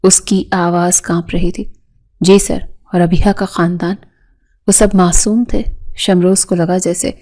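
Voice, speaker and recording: A woman reading a romance novel aloud as scripted narration, in a steady, even way. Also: fairly low pitch.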